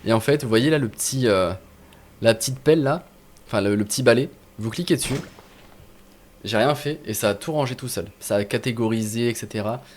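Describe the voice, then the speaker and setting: A man's voice: medium pitch, a little fast. A man casually walking viewers through game add-ons on screen, talking informally with many fillers and restarts. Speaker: gaming video host. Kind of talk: casual screen-share tutorial.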